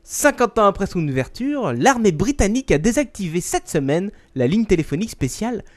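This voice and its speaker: A man's voice: high voice, very animated, a little fast, no echo. A man hosting a casual podcast, reading odd news items with frequent laughs. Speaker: podcast host.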